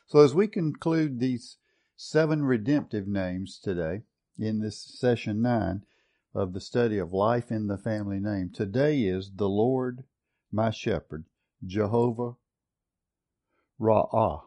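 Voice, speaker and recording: Slow and warm, with a lowish pitch, a man teaches Bible study. He reads scripture and contrasts translations thoughtfully and earnestly, often repeating words until the phrase comes to him.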